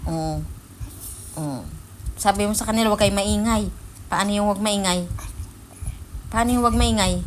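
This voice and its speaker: A woman's voice: mid-range voice, moderate pace, pauses often, a little hiss or hum, rough recording. A woman vlogging at home, coaxing her toddler in a playful way and repeating her prompts to him. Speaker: vlogger and parent.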